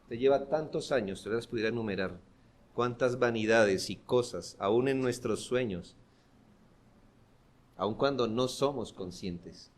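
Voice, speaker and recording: A man preaching a sermon as pastor, earnest and building to forceful emphasis. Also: medium pitch. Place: church.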